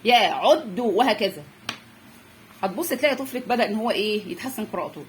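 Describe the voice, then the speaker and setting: Speaking fast and animatedly at a medium pitch, a young Egyptian-accented woman teaches parents how children learn to read. It's a phonics lesson: she drills letter sounds and draws words out as she repeats them. A little hiss or hum is audible.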